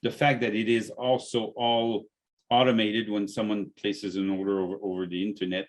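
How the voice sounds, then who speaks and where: A man's voice: fairly low pitch, little pitch movement, normal speed. A man hosting a casual health podcast who often stops and repeats words mid-sentence. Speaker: podcast host and natural health business owner.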